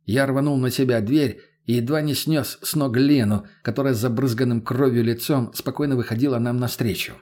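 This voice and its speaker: A man's voice: mid-range voice, fairly even intonation, brisk, few pauses, dark tone. A man narrating an audiobook in the first person, in a blunt, crude, matter-of-fact manner. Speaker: audiobook reader.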